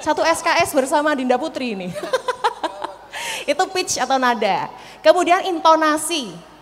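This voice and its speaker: A woman's voice: high voice, huge pitch swings, normal speed. Playful East Javanese woman trainer, echoing hall. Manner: playful, laughs often, demonstrates voice techniques. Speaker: public speaking trainer. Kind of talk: lively workshop talk. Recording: reverberant hall, faint noise.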